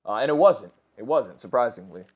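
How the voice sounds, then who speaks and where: Swearing often and correcting himself along the way, a gaming commentator in his twenties spins crude, meandering stories while he plays. His mid-range voice is animated and slightly rough, and he talks a little fast.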